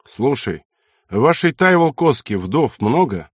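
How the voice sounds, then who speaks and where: A man's voice: medium pitch, big pitch swings, measured pace, slightly rough, no room sound, clean studio sound. A man voicing a hard, cynical young male army lieutenant who speaks curtly and commands. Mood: casual. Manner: curt and commanding, sometimes mocking.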